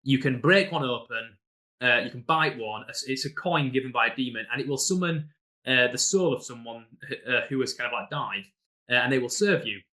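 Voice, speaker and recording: A man with a bright, forward voice talks through his last tabletop session as game master. He rambles loosely, with plenty of fillers and restarts. When he mimics his players, he raises his voice. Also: mid-range voice, fairly quick. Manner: rambling storyteller, many fillers. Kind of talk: casual campaign recap.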